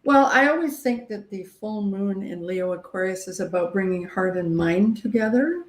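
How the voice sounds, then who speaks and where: A woman's voice: medium pitch, animated, normal speed. Woman echoing as if in a cave. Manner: reflective, loses her thread and restarts. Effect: cave-like echo on her line. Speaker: guest astrologer. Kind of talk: casual group chat on a video call. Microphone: video call. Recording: echoey video call audio.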